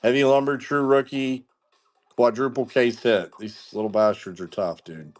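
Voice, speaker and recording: A man hosts a live card-breaking stream, laid-back and slangy, greeting viewers by name as he chats. His mid-range voice stays steady at a normal speed.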